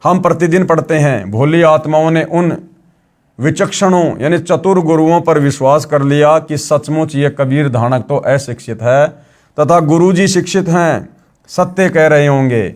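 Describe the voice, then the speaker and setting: A man giving a devotional reading, reading prose passages quickly and then chanting verse couplets slowly in a rising sing-song. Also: on the high side, a little mellow. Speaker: religious reader.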